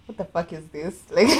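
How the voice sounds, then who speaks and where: A woman's voice: lowish voice, noisy background. A young woman with a Kenyan accent chatting casually as a podcast guest, playful, slangy and free with swearing. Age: young adult. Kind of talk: casual chat.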